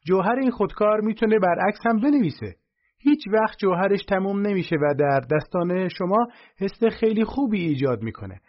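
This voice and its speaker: A man voicing a smug young male salesman with a high squeaky voice, giving an overeager hard-sell pitch in an audiobook. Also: animated, muffled recording. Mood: eager, pushy.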